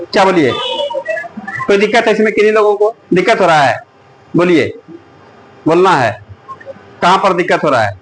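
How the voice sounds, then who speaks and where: A man's voice: sits high, noisy background. A man teaching a classroom math lesson, often stopping to ask the students whether they follow. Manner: coaxing, keeps asking the class if it is clear. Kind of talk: classroom lecture.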